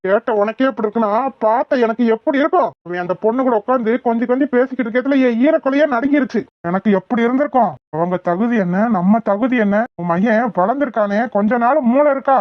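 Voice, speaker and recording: A woman's voice: on the high side, expressive, fast, few pauses, dry recording, dull audio, natural voice. A woman doing a stern Thoothukudi village father. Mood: dismayed. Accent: Thoothukudi Tamil. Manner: scolding, exasperated. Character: stern village father, middle-aged man, scolding. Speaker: voice actor in a cartoon. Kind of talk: cartoon voice acting.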